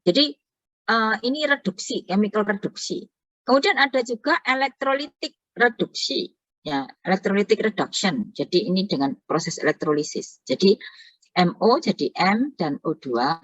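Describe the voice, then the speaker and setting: A woman's voice: mid-range voice, animated, moderate pace, no echo, dull audio. A middle-aged woman giving an online university chemistry lecture in a chatty, digressive way. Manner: chatty, digressive, tells anecdotes with acted dialogue.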